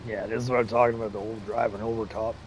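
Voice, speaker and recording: Very fast and level-toned, this man's lowish voice comes through with the highs cut off and a little hiss or hum. He's the host of an easygoing farming game livestream, reading chat aloud amid plenty of laughter and conversation. He is of English, Irish, Scottish, Ukrainian and Romanian descent.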